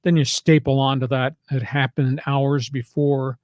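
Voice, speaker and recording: A man's voice: medium pitch, flat delivery, measured pace, darkish tone, dry recording. An older man hosting a sports podcast, talking in a punchy, emphatic way and going off on preachy rants. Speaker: sports talk host. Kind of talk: casual sports talk.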